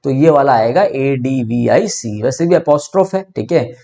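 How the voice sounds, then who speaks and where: A man's voice: mid-range voice, normal speed, creaky, warm tone, lo-fi sound. A young man with an Indian accent teaching an online English grammar lesson, explaining step by step and asking and answering his own questions. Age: young adult.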